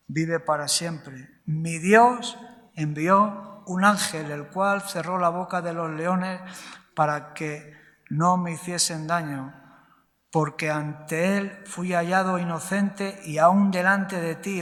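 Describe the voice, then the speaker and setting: A man preaches a sermon in a slow, deliberate way, his voice sitting a little high for a man. He puts questions to the congregation and answers them himself, tagging many lines with a short "sí?". His voice rings with the long reverb of a church hall. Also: fairly bright tone. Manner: frequent tag questions, slow deliberate emphasis. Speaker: pastor.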